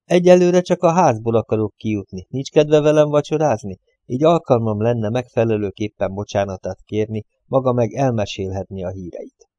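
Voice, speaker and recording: A man reading a calm, polite male character from a novel in a dry, mellow voice. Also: medium pitch, dry recording, muffled recording, lightly acted.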